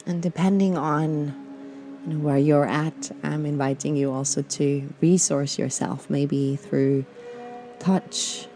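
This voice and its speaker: A woman from Austria hosting a podcast, guiding listeners through a slow, gentle reflection with many pauses and fillers. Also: low-pitched, fairly even intonation, faint music behind. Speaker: podcast host. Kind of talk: guided reflection and personal talk.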